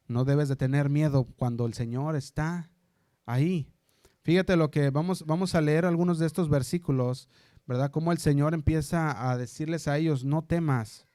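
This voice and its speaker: A male pastor delivering a sermon. He often checks in with the congregation and slows down to stress quoted scripture. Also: a little high, mellow, no echo, studio quality. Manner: preaching, often asking the congregation "¿verdad?".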